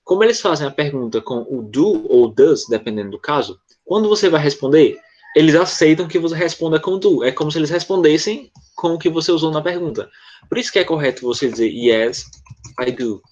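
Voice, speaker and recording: A man's voice: a little high, lively intonation, fast talker, a little mellow. Patient Brazilian male teacher, muffled sound. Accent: Brazilian Portuguese. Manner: patient, repeats checks like "tá certo?" to students. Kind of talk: online English lesson explained in Portuguese.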